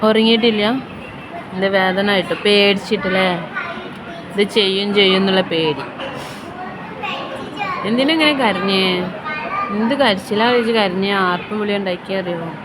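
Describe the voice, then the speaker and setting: A woman's voice: mid-range voice, fairly even intonation, normal speed, heavy background noise. A woman, a mother coaxing and soothing her son in a hospital room. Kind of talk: casual talk to a child.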